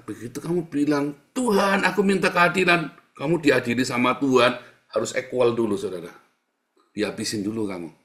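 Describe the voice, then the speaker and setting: A male pastor preaching in a colloquial, teasing manner, jumping between loud bursts and hushed asides. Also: medium pitch. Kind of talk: sermon.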